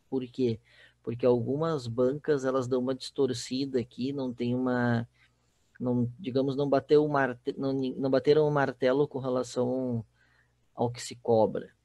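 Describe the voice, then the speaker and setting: A male Spanish teacher with a Brazilian Portuguese accent leads a recorded online class, explaining step by step and often checking in with students. His mid-range voice has a dark tone, with no echo.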